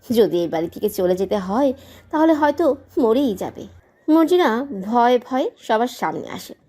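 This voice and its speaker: A woman's voice: a little high, moderate pace. A woman narrating a dramatic audio love story with emotive delivery. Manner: emotive, expressive.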